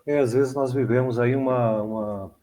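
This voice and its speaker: A man's voice: medium pitch, fairly even intonation, normal speed, warm tone. A man with a Brazilian accent speaking in a church Bible study, rambling and often tagging "né?". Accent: Brazilian Portuguese. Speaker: church member in discussion.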